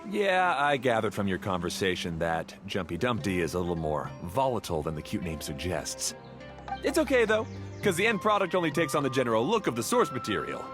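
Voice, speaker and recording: A man's voice: on the low side, wildly swooping pitch, fairly quick. An actor playing an easygoing young man, a technical guide in a video game, casual and explanatory. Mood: reassuring. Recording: music behind the voice.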